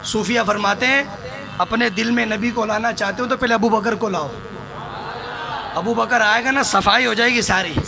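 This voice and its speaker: A man preaching an impassioned sermon, telling stories with quoted dialogue and building to shouts. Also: sits high, moderate pace, vocal fry. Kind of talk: sermon to a live audience. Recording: sermon with a loud crowd behind. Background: crowd.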